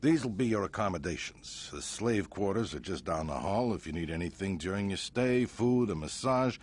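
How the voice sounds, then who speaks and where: An actor playing a smooth, self-satisfied male crime boss who speaks in a grand, smug way. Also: low-pitched, animated, normal speed, a little mellow.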